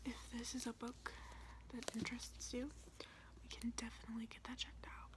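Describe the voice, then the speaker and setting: A woman doing a whispered role-play as a librarian, softly recommending books in an informal, halting way. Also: fairly high pitch, flat delivery. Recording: clearly audible background noise.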